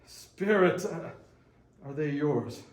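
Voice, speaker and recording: A man playing a humbled, fearful older Ebenezer Scrooge in a readers theater, speaking haltingly and earnestly. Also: fairly high pitch, lively intonation. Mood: uneasy. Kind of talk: readers theater stage reading. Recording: echoey room, distant mic.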